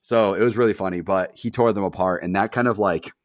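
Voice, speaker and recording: A man's voice: deep voice, fast, no echo, clean studio sound. A young man hosting a podcast, telling a rambling story in casual chat, full of fillers and casual swearing. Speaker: podcast host.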